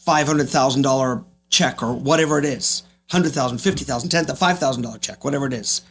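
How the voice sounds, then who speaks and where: A husky, mid-range male voice talks fast. He's a real estate agent in his fifties, appearing as a podcast guest, and he sounds reflective and emphatic, repeating phrases for effect.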